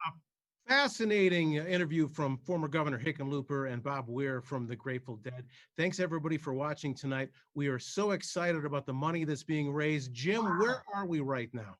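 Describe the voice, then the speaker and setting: A man's voice: on the high side, moderate pace, a bit bright, no echo. Male host in a dry booth. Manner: polished announcer reading lineups. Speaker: broadcast host. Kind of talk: live broadcast hosting.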